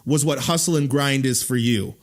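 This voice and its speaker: A man in his thirties hosting a podcast, talking in animated bursts with frequent restarts. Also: mid-range voice, moderate pace. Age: 30s. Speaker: podcast host. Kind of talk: casual interview chat.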